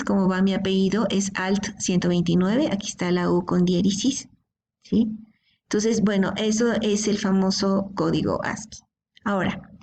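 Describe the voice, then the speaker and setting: A woman's voice: mid-range voice, a little mellow, muffled recording. Woman teaching code step by step. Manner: explanatory, checks in with frequent "¿sí?" and "¿de acuerdo?". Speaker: programming teacher. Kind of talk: screen-recorded coding lesson.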